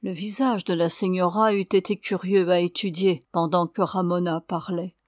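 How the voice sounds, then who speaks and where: A woman narrating a classic novel aloud in a measured, even reading voice. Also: on the low side, dry recording, clean studio sound. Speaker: audiobook reader.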